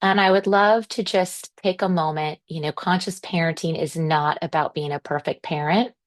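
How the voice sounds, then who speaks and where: A woman giving a workshop presentation to parents, explaining things in a gentle, reassuring, measured way. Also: sits low, fairly even intonation.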